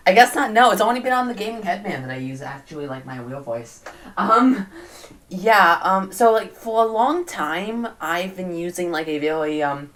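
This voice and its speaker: A woman speaking in her natural low register on a casual podcast. She talks softly and hesitantly. Her pitch sits near the bottom of the usual range for a woman. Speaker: podcast co-host.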